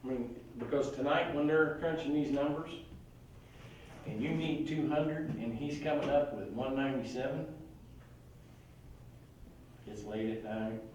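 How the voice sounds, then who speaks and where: A man's voice: mid-range voice, measured pace, pauses often, a little mellow, muffled recording, slight background noise. A man giving casual real estate training, folksy and full of anecdotes. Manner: folksy, conversational, tells anecdotes. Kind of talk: casual classroom training talk. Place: training room. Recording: echoey room, mic far off.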